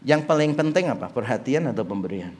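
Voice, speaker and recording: A man's voice: mid-range voice, fairly quick. A middle-aged man preaching a sermon as pastor, acting out little dialogues and joking with the congregation. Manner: animated, acts out dialogue and jokes with congregation. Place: church hall.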